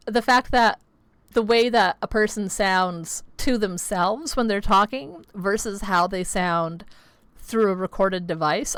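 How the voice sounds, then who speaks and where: A young woman livestreams from a home setup with a green screen, chatting casually and rambling with her viewers, her speech chatty and heavy with fillers. Her voice is on the low side, fairly bright and smooth, though a little scratchy today, and there's no room sound.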